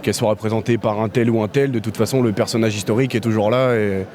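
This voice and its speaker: A man's voice: lowish voice, steady tone, fast talker, darkish tone. A man giving easygoing, unbothered answers in a street interview. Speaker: festival-goer.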